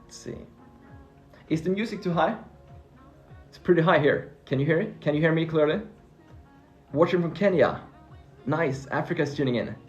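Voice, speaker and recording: His voice leans high and expressive as this Swedish-speaking Finn hosts a friendly, upbeat live Q&A about freelancing. He keeps a moderate pace, pauses often, and repeats or restarts phrases when reading viewer comments. The audio is dull, and faint music runs in the background.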